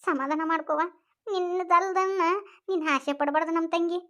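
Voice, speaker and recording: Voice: very high-pitched, fairly even intonation, normal speed, a bit bright. A voice actor playing a consoling elder sister in a village, with a North Karnataka accent. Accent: North Karnataka Kannada. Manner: soothing, coaxing.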